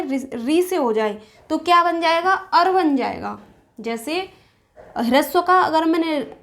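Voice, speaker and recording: Woman teacher with a high voice, explaining grammar step by step and answering her own questions. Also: fairly bright tone. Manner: asks questions then answers them herself; slows down to spell out sounds and examples. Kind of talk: Hindi grammar lesson at a board.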